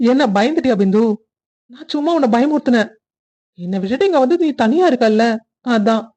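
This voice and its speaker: A woman's voice: a little high, lively intonation, moderate pace, long pauses, darkish tone. Woman voicing a teasing young cartoon husband. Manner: playful teasing. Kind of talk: cartoon story voice acting.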